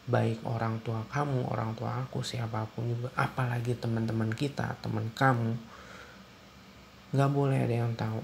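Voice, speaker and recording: A man's voice: mid-range voice, vocal fry, a little mellow, a little hiss or hum. A young man acting out a stern, controlling husband in an ASMR role-play, talking in a lecturing, repetitive way.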